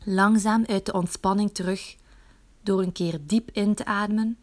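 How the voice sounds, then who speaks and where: A woman narrates a guided muscle relaxation exercise in a soothing, instructive way, gently coaxing the listener along. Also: mid-range voice, fairly even intonation, moderate pace.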